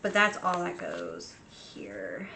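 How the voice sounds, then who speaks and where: A young adult woman chatting casually while setting up her journal, soft and unhurried, with frequent ums. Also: extremely low pitch, very animated, vocal fry, a little hiss or hum. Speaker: journaling vlogger. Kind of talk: casual chat while crafting.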